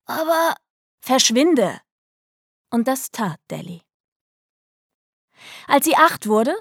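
Woman storyteller, animated children's-book reading, higher voice, dry close mic. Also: no echo. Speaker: narrator.

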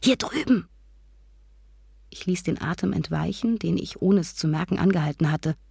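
A woman narrating a first-person story aloud in calm, measured prose. Her voice is lowish and slightly breathy. The recording is dry and close to the mic. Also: no echo. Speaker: audiobook narrator.

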